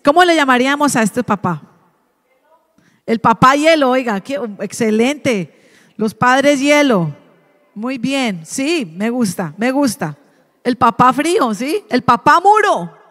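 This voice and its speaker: A woman preaching at a family service, talking in a lively way and asking the congregation questions. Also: sits high, slow pace. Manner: lively, asks the congregation questions and acts out parents. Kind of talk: interactive sermon on parenting. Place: church hall. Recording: long church hall reverb.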